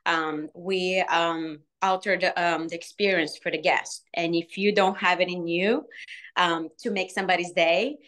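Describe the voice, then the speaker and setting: Brief: guest alumna, forties, Bulgarian accent, low-ish voice, halting earnest delivery. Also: female voice, fairly even intonation, a bit bright. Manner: earnest, many "um" pauses. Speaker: alumna guest, restaurant manager. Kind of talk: interview answers.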